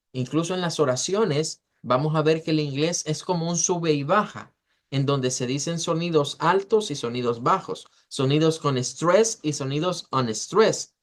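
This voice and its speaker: A man teaching an English pronunciation class, explaining step by step and slowing down to model words syllable by syllable. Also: fairly high pitch. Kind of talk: online class lecture.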